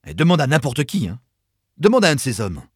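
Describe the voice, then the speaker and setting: A man's voice: mid-range voice, huge pitch swings, a little fast, husky, no room sound, studio quality, pitched above the performer's own voice. A man reading an audiobook, giving voice to a brash, impatient young man who speaks scornfully in a raised voice. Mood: sneering. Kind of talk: audiobook character voice.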